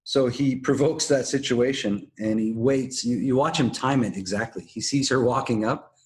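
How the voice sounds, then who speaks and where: A man co-hosting a podcast, explaining and analysing in a measured, casual conversational way. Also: mid-range voice, a little mellow. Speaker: podcast co-host. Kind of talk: casual analytical discussion of a TV drama.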